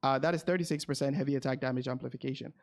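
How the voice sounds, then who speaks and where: Streaming as a game guide host, a man gives casual gameplay commentary with asides to viewers, repeating phrases as he thinks aloud. His medium-pitched voice is rapid-fire and fairly even in intonation.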